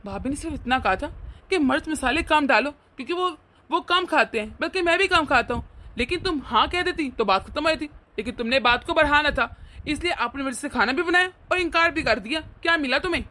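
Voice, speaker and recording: Cartoon husband, mild and placating, high and fast-talking, voiced by a woman. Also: animated, bright, forceful tone. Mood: explaining. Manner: placating, reasonable. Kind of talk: animated cartoon dubbing.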